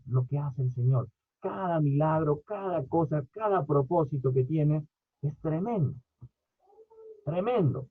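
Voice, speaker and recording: A man preaches with fervor, rising into loud emphatic bursts before dropping to quiet asides. His voice sits fairly high and sounds husky. The recording is thin and tinny, like a phone line. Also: dry recording. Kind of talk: sermon.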